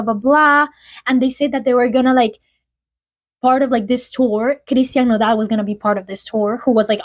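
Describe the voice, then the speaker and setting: Young adult woman, slightly high voice, casual gossipy vlog delivery full of fillers. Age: early 20s. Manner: chatty, filler-heavy, lots of "like". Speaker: vlogger.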